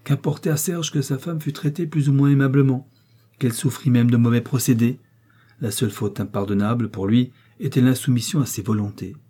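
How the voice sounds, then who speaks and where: A man reading a novel aloud as an audiobook narrator, in a measured storytelling manner. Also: medium pitch, mellow, husky. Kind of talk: scripted narration.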